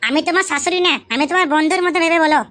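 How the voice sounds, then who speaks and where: Flirty cartoon mother-in-law, coaxing, bright and fast woman voicing. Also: high-pitched, no echo. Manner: coaxing, sweet-talking. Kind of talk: comic cartoon voice acting.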